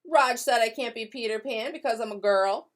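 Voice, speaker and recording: An earnest young storybook schoolgirl , voiced by a woman reading aloud. She speaks simply and imaginatively, in a somewhat raised pitch. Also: normal speed, lightly acted. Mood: hurt. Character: Grace, imaginative young schoolgirl who loves acting.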